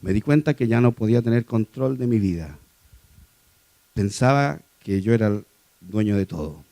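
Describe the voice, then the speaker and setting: A man preaching a sermon to his congregation, moving between quiet personal testimony and raised, emphatic exhortation. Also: fairly low pitch, expressive, normal speed. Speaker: lay preacher.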